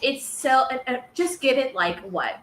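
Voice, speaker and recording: A woman chatting casually as a podcast guest, lively and laughing, with playful put-on voices. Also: high voice, unhurried, echoey room, slight background noise, rough recording. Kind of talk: casual chat.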